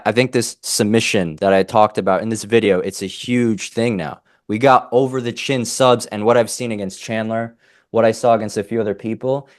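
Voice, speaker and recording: A young man co-hosting a casual fight-analysis podcast, opinionated and animated, often breaking off mid-sentence. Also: lowish voice, dry recording, studio quality. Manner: animated, opinionated, self-interrupting. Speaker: MMA podcast co-host.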